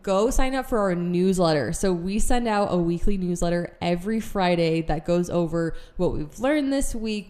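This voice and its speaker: A young woman hosts a podcast in casual conversation, bubbly and gushing, with plenty of filler words. Her voice is medium-pitched and a little mellow.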